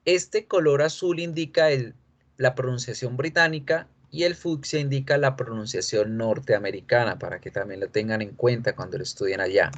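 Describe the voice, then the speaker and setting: A male English teacher who gives a pronunciation lesson and patiently repeats model words slowly. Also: medium pitch.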